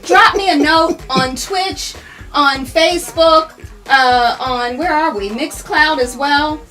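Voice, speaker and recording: A woman's voice: sits high, slow, sharp tone, faint music behind, poor audio. A woman hosting a livestream talent show, upbeat and chatty as she reads out viewer comments. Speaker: show host.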